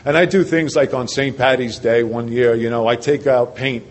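Speaking at a moderate pace with a medium pitch and fairly even intonation, an earnest New Jersey man shares his recovery story with a meeting. Rhetorical questions and repetition run through his telling.

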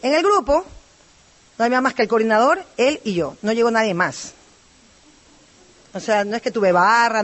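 A woman's voice: mid-range voice, a bit bright, a little hiss or hum. A woman from Ecuador speaks with an Ecuadorian accent as she gives her personal testimony to a recovery group. She is talkative and rambling, piling on asides and tag questions as she goes. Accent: Ecuadorian Spanish.

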